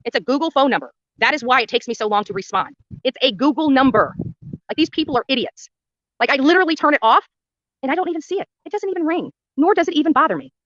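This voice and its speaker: An animated, fast, high voice with a bit of brightness comes through lo-fi, echo-free audio. The speaker is a woman hosting her own show as an independent reporter, live outdoors at a roadside before a house. She sounds indignant and emphatic, bluntly repeating phrases.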